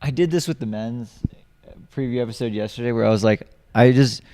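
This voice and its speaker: A man with a low, gravelly voice and a dark, mellow tone chats loosely and jokes, sometimes breaking off mid-thought. The recording is close and dry. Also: fairly quick, no room sound. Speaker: podcast co-host. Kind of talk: casual chat.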